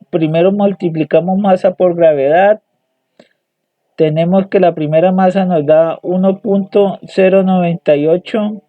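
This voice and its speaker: A man's voice: high-pitched, no echo. A young man presenting homework, hesitantly reading out calculation results and often restarting his words. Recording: dry tinny phone-like audio.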